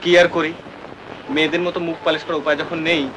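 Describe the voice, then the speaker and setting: A man's voice: on the high side, level tone, quick pace, noisy background, natural voice. An actor playing a carefree young man who talks in a light, teasing, offhand way in an old Bengali film. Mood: breezy.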